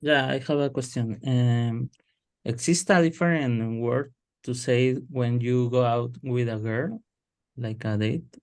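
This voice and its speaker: A man's voice: medium pitch, takes it slowly, darkish tone. A man from Mexico, a student in an English class, answering in hesitant learner's English.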